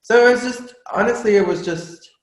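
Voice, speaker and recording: A man's voice: high voice, normal speed. A man of twenty-five, a musician, chatting candidly and jokily as an interview guest. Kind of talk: casual interview chat. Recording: roomy echo.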